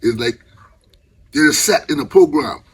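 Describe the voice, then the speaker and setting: A man's voice: fairly high pitch, animated, measured pace, a bit bright, slightly rough. An older man from the Bahamas with a Caribbean accent, reasoning informally and with passion in Rasta speech with patois phrasing. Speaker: Rastafarian elder.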